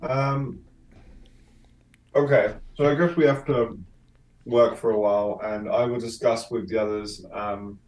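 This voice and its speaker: A man playing in a tabletop game, thinking aloud haltingly. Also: medium pitch, fairly even intonation, darkish tone. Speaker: player. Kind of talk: tabletop role-play chat. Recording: echoey room, far from the mic.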